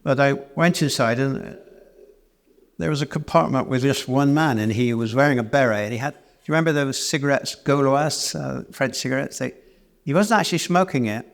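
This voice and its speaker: Brief: male cabaret storyteller, mid-pitched, meandering self-deprecating stage yarn, live in a church. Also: fairly quick, creaky. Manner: rambling and self-deprecating, with many restarts. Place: church hall, live performance.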